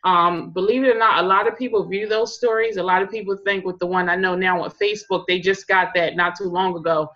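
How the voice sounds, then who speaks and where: A woman's voice: lowish voice, steady tone, fairly quick, hardly any pauses, lo-fi sound. A woman in direct sales casually sharing tips on a group call, rambling with lots of fillers.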